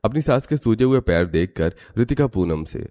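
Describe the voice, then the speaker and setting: A man narrating an animated cartoon story in a steady storytelling manner. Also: on the low side, normal speed.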